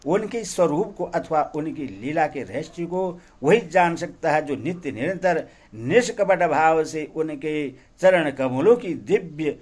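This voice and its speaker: A man reads sacred scripture aloud in a devotional style, with a solemn, measured delivery. His voice sits a little high for a man, and he takes his time with each phrase. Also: darkish tone. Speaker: scripture reader.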